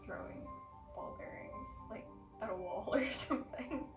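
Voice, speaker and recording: A woman's voice: a little high, a little slow. A woman chatting casually as a player in a tabletop role-playing game. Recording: echoey room, distant mic, music behind.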